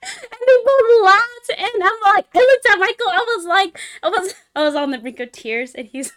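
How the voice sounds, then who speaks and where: A woman co-hosting a podcast in casual chat, an animated storyteller who swears and laughs through her stories. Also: very high-pitched, moderate pace. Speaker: podcast co-host.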